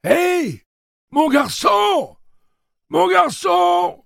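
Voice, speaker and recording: A man voicing a cantankerous, half-senile old man who calls out in a high, strained shout. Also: big pitch swings, a little slow, vocal fry, slightly rough, no echo, clean studio sound, heavily acted.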